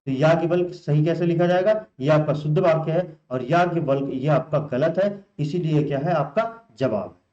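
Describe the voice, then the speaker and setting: A man's voice: fairly high pitch, moderate pace, few pauses, warm tone. A man teaching as a Hindi exam tutor, going through spelling questions and repeating each answer back to the learners as a question. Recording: roomy, muffled recording.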